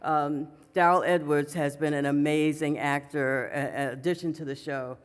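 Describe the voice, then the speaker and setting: A woman's voice: low voice, steady tone, normal speed. A woman from New York moderating a fan convention panel in a loose, chatty way with lots of fillers. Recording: echoey convention hall.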